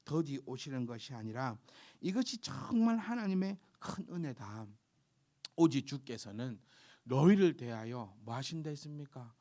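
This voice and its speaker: A man preaching a sermon, emphatic and exhorting, breaking into soft asides. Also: mid-range voice, animated, normal speed. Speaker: pastor.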